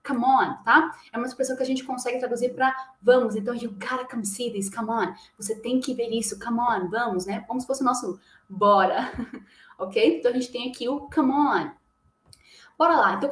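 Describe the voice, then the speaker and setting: A Brazilian woman teaching English with a slightly high voice, walking her students through each point and checking in often. She is recorded in an echoey room. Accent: Brazilian Portuguese. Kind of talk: casual online English lesson.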